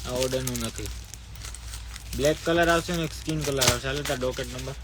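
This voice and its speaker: A man's voice: medium pitch, brisk, noisy background. A man who runs a shop and hosts a live sale from the air-conditioned shop floor. He sounds sleepy and chats with viewers, breaking off to give his staff orders. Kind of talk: live-stream sales talk.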